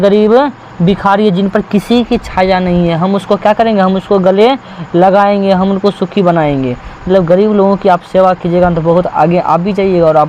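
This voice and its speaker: A man's voice: sits high, a little mellow, slight background noise, low-quality recording. A man from India teaching a textbook lesson, repeating key words and asking the class rhetorical questions.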